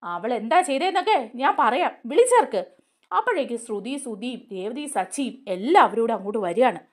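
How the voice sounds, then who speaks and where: A woman retelling a television serial episode, chatty and animated with casual fillers. Her voice sits high and swings widely. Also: a little fast. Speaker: serial recap narrator.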